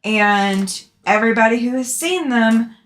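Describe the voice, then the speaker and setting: A woman's voice: a little high, expressive, a little slow, a bit bright, slight background noise. Chatty woman hosting a livestream. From Alabama, southern US. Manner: chatty, affectionate with viewers, laughs often. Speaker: sewing livestream host. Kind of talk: casual chat, reading out and answering live comments.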